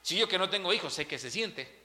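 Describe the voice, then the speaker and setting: A man preaching a sermon as pastor, animated, swinging between loud and soft. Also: sits high, brisk, in a large hall.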